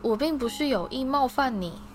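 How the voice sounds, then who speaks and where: A woman's voice: high voice, expressive, normal speed, a little hiss or hum, voice pushed up. A woman voicing a polite, nervous young boy wizard who speaks in a hesitant, careful way.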